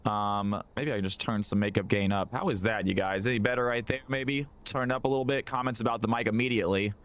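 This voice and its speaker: A man's voice: lowish voice, steady tone, fast, a bit bright, clear, resonant tone. Man streaming through jumpy auto gain. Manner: chatty, upbeat, fiddling with his gear while talking. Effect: uneven auto gain, volume swinging up and down. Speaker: gaming livestreamer. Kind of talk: casual live-stream chat.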